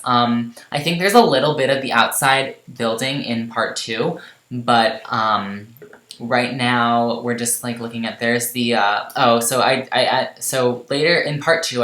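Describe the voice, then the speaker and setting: A late-teen game vlogger rambles casually over gameplay, piling on filler and putting himself down. His voice is medium-pitched, bright and forceful, heard in a roomy echo.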